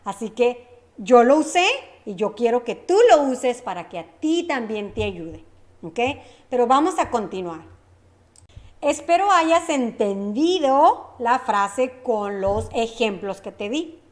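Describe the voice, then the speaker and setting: A woman's voice: fairly high pitch, big pitch swings, slow, a little mellow. A woman teaching a lesson, running repeat-after-me drills and checking in with short questions. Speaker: Spanish teacher.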